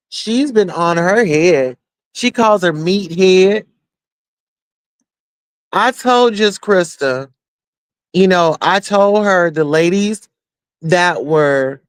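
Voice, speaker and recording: A man's voice: sits high, clear, resonant tone, dry recording. A man giving casual, chatty commentary to his viewers, full of slang and preachy asides. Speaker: YouTube commentator.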